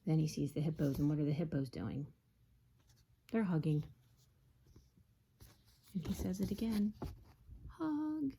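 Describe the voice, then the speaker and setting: A teacher reading a picture book aloud to young children, pausing to ask them questions and often dropping into a soft whisper. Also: female voice, sits low, vocal fry, a little hiss or hum. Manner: gentle, asks listeners questions, drops to whispers. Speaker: teacher reading to her class.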